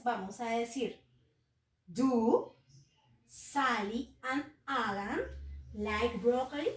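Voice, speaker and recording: High-voiced woman teaching slowly, echoey room. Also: recorded from a distance. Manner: slow, patient explaining, addresses pupils as children. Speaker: English teacher. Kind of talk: recorded classroom lesson. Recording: roomy echo, voice set back from the mic.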